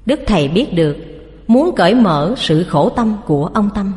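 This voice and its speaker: A woman's voice: mid-range voice, normal speed. Woman narrating a reverent tale. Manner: steady, reverent storytelling. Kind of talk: religious story narration. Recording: long reverb, hall-like.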